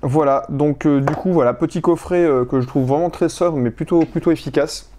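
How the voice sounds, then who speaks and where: A man's voice: a little high, moderate pace, warm tone, slight background noise. A man from France talks through his film collection in a casual vlog, hesitant, with many fillers and restarts. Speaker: collector showing his purchases.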